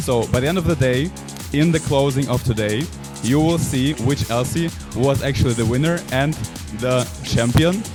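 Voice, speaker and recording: A man's voice: mid-range voice, moderate pace, few pauses, over music. Upbeat man. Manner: energetic and upbeat. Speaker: event host. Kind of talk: online event presentation. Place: at home on a couch.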